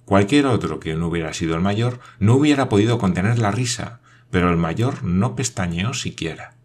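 A male narrator with a very deep voice reads a novel aloud. His delivery is measured and even, a steady scripted audiobook reading.

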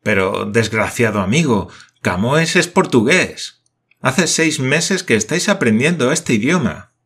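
A man's voice: lowish voice, expressive, fairly bright tone. A man voicing a composed, courteous male leader. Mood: exasperated. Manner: measured, courteous. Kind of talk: audiobook character voice.

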